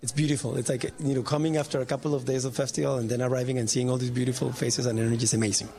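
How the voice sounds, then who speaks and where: A man from Colombia, a percussionist guest speaking in a relaxed, enthusiastic way in an interview. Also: mid-range voice, very fast. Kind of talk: casual interview talk.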